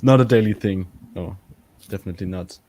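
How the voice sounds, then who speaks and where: A man chatting casually on a stream, explaining things carefully in halting, unhurried phrases. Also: low voice, mellow. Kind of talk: casual chat. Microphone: microphone through an audio interface.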